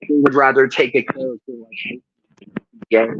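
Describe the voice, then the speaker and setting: A man's voice: medium pitch, little pitch movement, moderate pace, breathy edge, no echo. Man on a choppy call cutting out. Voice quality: muffled. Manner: rambling, restarts sentences. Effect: choppy call audio with words cutting out. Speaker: podcast guest. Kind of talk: casual chat. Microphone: earpiece on an online call. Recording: dull lo-fi call audio.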